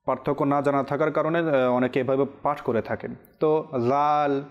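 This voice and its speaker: A man teaching correct pronunciation on a televised religious lesson, explaining slowly and chanting Arabic examples. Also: medium pitch, fairly even intonation, muffled recording. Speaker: Quran recitation teacher.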